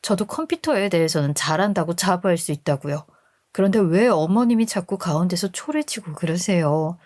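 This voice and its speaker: A woman's voice: on the low side, darkish tone, no room sound. A woman narrating a first-person family story as a scripted radio storyteller, in an aggrieved, emotional manner.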